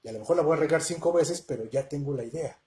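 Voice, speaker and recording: A man's voice: a little high, fast, a little mellow. A man hosting a live question-and-answer language lesson, talking casually and often checking in with his listeners. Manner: conversational, checks in with rhetorical questions.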